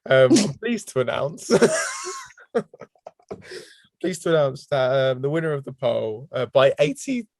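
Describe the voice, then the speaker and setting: A man's voice: fairly high pitch, huge pitch swings, slow pace, long pauses, no echo. Chatty guy cohosting a pod, lots of laughs, really bouncy voice. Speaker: podcast co-host. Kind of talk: casual chat.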